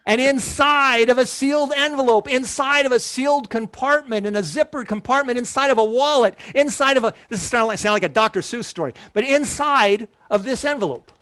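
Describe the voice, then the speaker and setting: A man performing as a magician, building his stage patter step by step with deliberate repetition. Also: very high-pitched, fairly bright tone, no room sound.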